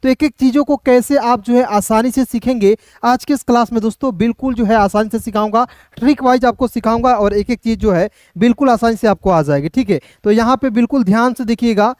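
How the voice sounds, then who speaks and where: A man's voice: very high voice, brisk, few pauses, darkish tone, dry recording, clean studio sound. A man teaching beginner English phonics, asking and answering his own questions over and over.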